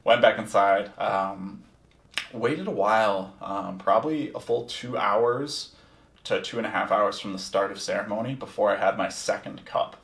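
A man's voice: on the low side, moderate pace, vocal fry, fairly bright tone. A man telling a personal story in a casual, candid way. He is reflective, swears freely and uses plenty of ums. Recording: echoey room, distant from the mic.

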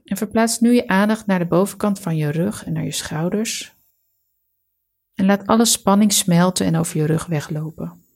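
A woman with a lowish voice and a gravelly creak leads a guided meditation. Her delivery is calm and soothing, with each instruction measured out for relaxation.

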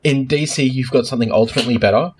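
A man's voice: medium pitch, racing, breathy edge. A man co-hosting a casual podcast, enthusiastic and talkative, explaining at length and laughing often. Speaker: podcast co-host. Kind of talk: casual chat.

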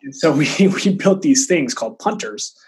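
A man's voice: a little high, animated, moderate pace, a little mellow, breathy edge. A man in his thirties, an interview guest telling casual stories with asides and frequent checks on the listener. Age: 30s. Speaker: interview guest, tech entrepreneur.

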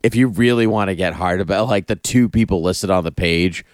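A man's voice: low-pitched, brisk, clear, resonant tone, no room sound, clean studio sound. A man hosting a casual, enthusiastic chat, repeating phrases for emphasis. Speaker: podcast host. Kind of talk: casual chat about comic-book TV.

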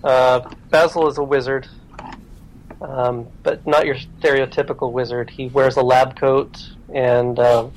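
A man who is a guest on a podcast, talking in a relaxed, self-deprecating way with many fillers. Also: medium pitch, unhurried, slight background noise, rough recording. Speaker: podcast guest, programmer and writer. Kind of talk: casual interview chat.

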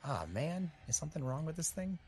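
A man playing a tabletop role-playing game, informally and haltingly describing what his character does. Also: a little high, big pitch swings, a little mellow, slightly rough. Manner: informal, hesitant, frequent "like".

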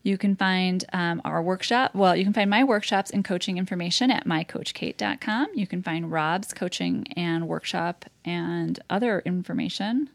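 A woman's voice: on the low side, moderate pace, vocal fry, few pauses, no echo. A woman co-hosting a podcast, upbeat and encouraging as she wraps up the episode. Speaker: podcast co-host. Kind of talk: casual podcast chat and sign-off.

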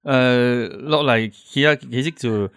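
A man with a Chaoshan Teochew accent, a native Teochew speaker, hosts a casual interview and talks haltingly, often repeating words. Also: medium pitch, vocal fry, a bit bright, clear, resonant tone, no echo. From Chaoshan, southern China. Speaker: podcast host.

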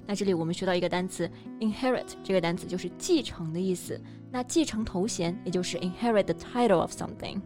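A woman's voice: on the low side, fast, few pauses, darkish tone. A woman co-hosting a bilingual language lesson, affirming points and adding example sentences. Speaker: co-host and English teacher. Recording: faint music underneath.

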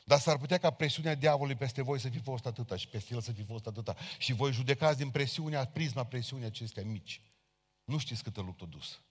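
A man's voice: medium pitch, husky. A man preaching a sermon as a Pentecostal pastor, speaking fervently and addressing his congregation directly. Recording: long hall reverb.

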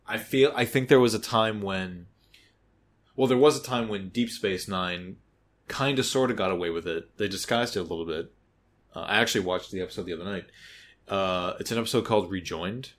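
Man, thirties, low voice, podcast host, animated casual talk, swears freely. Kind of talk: casual chat.

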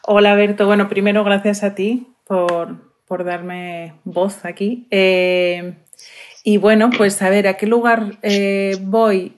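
A woman with a Madrid Spanish accent chats as an interview guest. She thinks aloud, pausing on fillers and restarting her sentences, and her pitch sits in an ordinary middle range. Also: little pitch movement. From Spain. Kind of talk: casual interview chat.

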